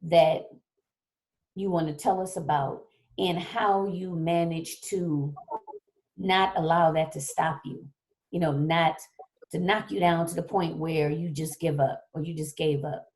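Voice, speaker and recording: A woman hosting a talk show with a low, mellow voice that is wearing thin. She chats casually and often repeats herself, greeting viewers over a laptop call. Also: steady tone, unhurried. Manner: warm-up chatter, repeats herself while reading names. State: losing her voice. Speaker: host. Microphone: laptop on a video call.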